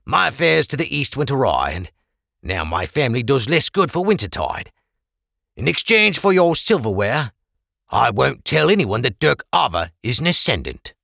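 A man's voice: medium pitch, big pitch swings, normal speed, creaky, pushed and bright, no echo, clean studio sound, voice pushed up, exaggerated voice. A man voicing a scheming male merchant neighbor who speaks in odd, stilted phrases. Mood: threatening.

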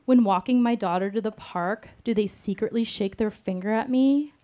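A woman telling a candid personal story to an audience in a self-mocking, lively way. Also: mid-range voice, moderate pace, muffled recording.

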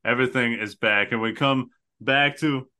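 A man co-hosting a podcast in casual chat, joking, laughing often and breaking into loud sung and shouted bits. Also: mid-range voice, moderate pace. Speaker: podcast co-host.

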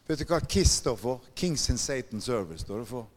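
A man's voice: medium pitch, lively intonation. A man preaching a sermon, emphatic and often putting questions to the congregation. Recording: long hall reverb.

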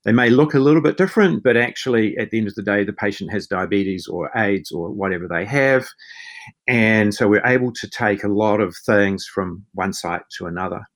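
Low-voiced man, broad Kiwi accent. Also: fairly quick. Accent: broad New Zealand (Kiwi). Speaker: podcast guest, chief medical officer and physician. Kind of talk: conversational interview answers.

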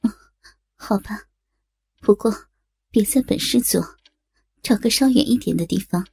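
A woman's voice: medium pitch, measured pace, vocal fry, mellow, breathy edge, exaggerated voice. A woman voicing an anguished middle-aged mother who wails and laments. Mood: anxious. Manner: wailing, lamenting.

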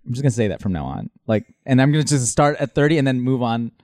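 A man's voice: medium pitch, expressive, fast, darkish tone, no echo, clean studio sound. A forty-year-old man from the Philippines and Minnesota, a nightlife performer talking candidly and laughing easily as a guest. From born in the Philippines, raised in Minnesota. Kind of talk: interview conversation.

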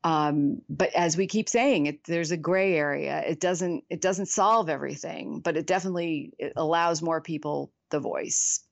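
A woman's voice: deep voice, normal speed, vocal fry, few pauses. A woman author being interviewed, speaking reflectively and candidly with many fillers. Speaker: author guest. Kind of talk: conversational interview. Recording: muffled, lo-fi remote audio.

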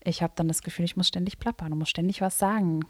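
Chatty woman, lowish voice. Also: steady tone, quick pace. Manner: chatty, laughs often, rambling. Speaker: local newspaper podcast host. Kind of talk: casual chat.

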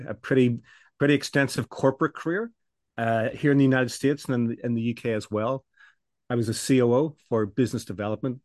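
A middle-aged business coach for law firms appears as a podcast guest, speaking at a steady mid pitch. His explanations are measured, with frequent restarts, and the sound is dry and close with no echo.

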